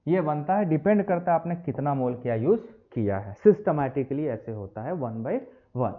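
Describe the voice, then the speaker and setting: Animated chemistry teacher, tinny sound. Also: male voice, a little high, moderate pace. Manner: lively, addresses students as beta and bachche; mixes English phrases into explanation. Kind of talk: classroom lecture. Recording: tinny phone-like audio.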